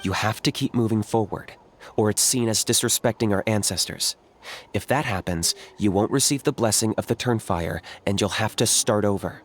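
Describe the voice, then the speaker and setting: A man voicing a cool, businesslike young warrior guide in a video game, matter-of-fact and measured. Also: fairly low pitch, slight background noise, natural voice. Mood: instructive. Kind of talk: video game character dialogue.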